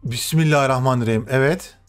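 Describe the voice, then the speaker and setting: A young man commentating his own football video game matches, excitable and swearing, shouting at the game and then muttering to himself. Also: mid-range voice, fast, soft background music. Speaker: gaming streamer.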